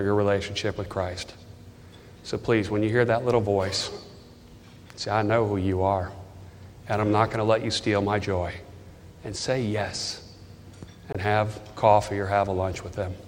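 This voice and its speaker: A man's voice: on the low side, a little hiss or hum. A man giving an earnest altar call as a guest speaker, leading a prayer line by line in a church hall. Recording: reverberant hall.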